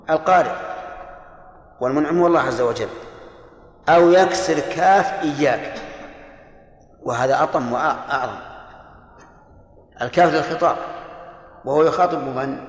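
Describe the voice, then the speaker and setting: Man teaching in an echoing hall. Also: on the high side. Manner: asks students questions, quotes recitation examples. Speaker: teacher of Islamic jurisprudence. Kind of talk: classroom lesson explaining a text. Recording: roomy hall with long reverb.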